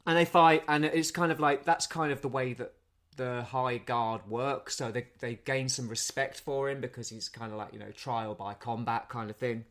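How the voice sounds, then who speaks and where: A man's voice: mid-range voice, fairly even intonation, normal speed, a bit bright. A man chatting casually as a podcast co-host, rambling through a film's plot with frequent restarts. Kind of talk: casual film review chat.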